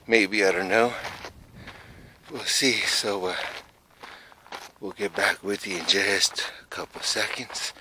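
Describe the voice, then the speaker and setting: A man's voice: lowish voice, steady tone, slow, long pauses, noisy background. A man casually narrating his own exploring vlog outdoors, rambling and unsure of himself. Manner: rambling, unsure, chuckling asides. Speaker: vlogger exploring abandoned places. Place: outdoors in rural countryside.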